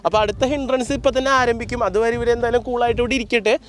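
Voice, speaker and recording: Teasing high-voiced man hosting. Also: steady tone, racing. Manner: playful and teasing, hypes contestants with sung sound effects. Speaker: host running an ice sofa challenge. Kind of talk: lively challenge-video hosting.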